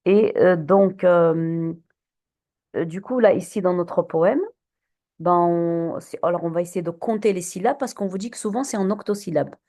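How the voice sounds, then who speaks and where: A woman's voice: lowish voice, normal speed, dark tone. A woman teacher giving a classroom lesson on poetry, patient and questioning, with many fillers and restarts.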